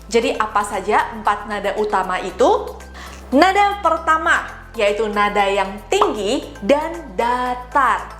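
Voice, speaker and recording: A woman teaching a language lesson, demonstrating sounds and tones slowly and carefully. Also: a little high, sing-song, a bit bright, echoey room, soft background music. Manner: slow, careful, exaggerated tone demonstrations. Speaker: Mandarin teacher.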